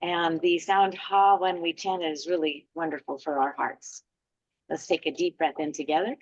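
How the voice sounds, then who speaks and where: Gentle woman guiding a qigong class. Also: low-pitched, fairly even intonation, normal speed, no room sound, highs cut off. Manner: gentle, soothing, encouraging. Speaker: qigong instructor.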